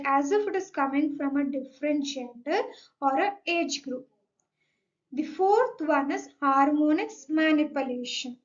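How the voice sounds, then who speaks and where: A young woman with a high voice gives a formal student presentation. Her explanations sound scripted and academic, and she often starts sentences with "so." The recording is dull and a bit muffled.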